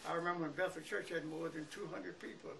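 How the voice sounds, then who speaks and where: A very old man of about a hundred with a Southern US accent and an aged, creaky voice, reminiscing haltingly in an interview. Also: on the high side, fairly even intonation, bright, forceful tone. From Mississippi, United States. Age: very old, about 100. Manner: halting, repeats words and pauses. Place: living room by a window, indoors. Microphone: camera a few feet away. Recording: noisy, distant room camera recording.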